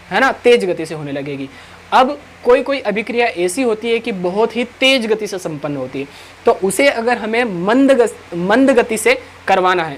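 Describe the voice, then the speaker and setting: A man teaching an online chemistry class, who asks rhetorical questions, answers them himself, and keeps checking in with "right?". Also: high-pitched.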